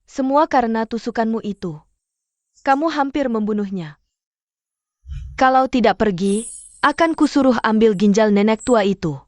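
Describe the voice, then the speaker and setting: A woman's voice: a little high, normal speed, pauses often, darkish tone, no echo, natural voice. An actress voicing a cold, commanding middle-aged mother in a dubbed short drama, harsh and threatening. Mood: menacing. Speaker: Mrs. Fang.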